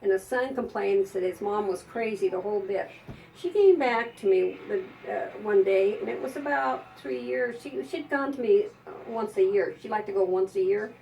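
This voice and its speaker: Gravelly older woman telling stories. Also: mid-range voice, moderate pace, mellow, distant mic, a little hiss or hum, rough recording. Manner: chatty, rambling anecdotes with frequent laughs. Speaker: psychic. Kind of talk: storytelling to an audience.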